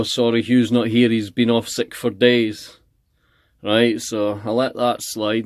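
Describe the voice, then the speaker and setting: A man's voice: lowish voice, no room sound. A man ranting angrily to camera, heated and confrontational, repeating himself as he complains. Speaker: channel host. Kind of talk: angry ranting vlog.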